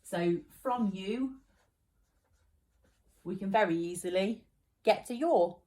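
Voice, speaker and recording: A woman's voice: mid-range voice, slow, dark tone. Patient woman teaching children spelling. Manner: patient, encouraging, explains step by step.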